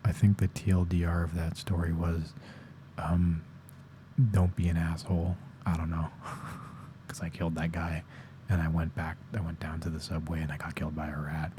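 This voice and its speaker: A young man rambling softly in a casual ASMR chat, sleepy and tired-voiced, often dropping into whispers. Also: low-pitched, level tone, moderate pace, slight background noise. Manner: rambling, slips into whispers, self-deprecating. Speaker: ASMR creator. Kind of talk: soft-spoken ASMR ramble.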